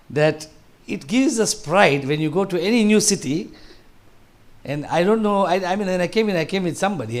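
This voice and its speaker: A high-voiced man from Tanzania, in his sixties, is the guest speaker for a seniors group in a large hall. His talk is conversational and rambling, with sentences he keeps restarting.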